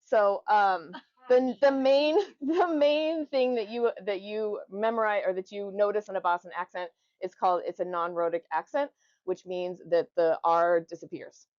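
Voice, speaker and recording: A woman's voice: medium pitch, steady tone, moderate pace, a little mellow, clear, resonant tone, no room sound. Informal woman presenter, dry and slightly dull sound. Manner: jokey, conversational, demonstrating word pronunciations. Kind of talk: informal explanatory talk to a group.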